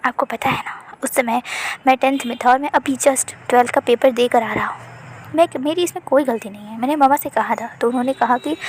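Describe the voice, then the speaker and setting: A woman puts on a pouty teenage boy who coaxes and wheedles, his voice sitting fairly high and soft. He sounds playful and a little spoiled, pleading his case in a narrated story. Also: a little hiss or hum, close to an everyday voice.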